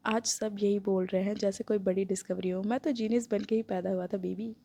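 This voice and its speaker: A woman's voice: mid-range voice, fairly even intonation, brisk, gravelly, dark tone. A woman voicing a cocky, possessive young man who taunts in a dry, mocking way.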